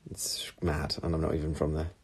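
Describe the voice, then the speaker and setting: A man's voice: rumbling low, fairly quick, vocal fry, husky. Young man chatting on a phone livestream. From England. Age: young adult. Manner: chatty and animated, reads out viewer comments. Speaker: livestream host answering viewer questions. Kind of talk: casual chat. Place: small room indoors, seated on red sofa. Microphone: phone at arm's length.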